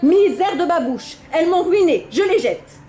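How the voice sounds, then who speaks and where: A woman's voice: very high voice, animated, moderate pace, dark tone, voice pushed up. A woman putting on a stingy grumbling merchant. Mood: exasperated. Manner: exasperated complaining.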